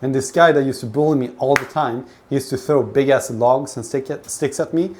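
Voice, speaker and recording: With a mid-range voice, a man in Sweden who isn't a native Swedish speaker and grew up with several languages talks casually on a kitchen livestream while cooking. His storytelling is personal, rambling, hesitant, and full of swearing, with frying food and kitchen ambience clearly heard.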